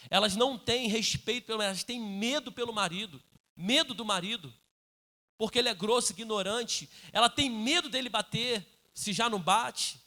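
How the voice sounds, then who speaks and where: A middle-aged man preaching as a pastor in a church, earnest and turning forceful as he exhorts, often calling the listeners "dear". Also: high-pitched, moderate pace. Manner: calls listeners "querido". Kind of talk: sermon. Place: church sanctuary.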